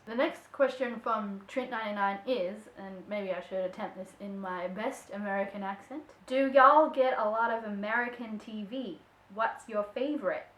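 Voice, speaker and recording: A young Australian woman vlogging to camera, answering viewer questions in a chatty, expressive way. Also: medium pitch. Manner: chatty and expressive, acts out quoted voices. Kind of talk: casual chat to camera. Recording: echoey room.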